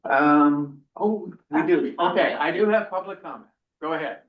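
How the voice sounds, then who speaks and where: A man's voice: fairly high pitch, normal speed, dull audio. A man chairing a town meeting, firm and procedural as he runs through motions and keeps order. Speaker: selectboard chair. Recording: echoey meeting room.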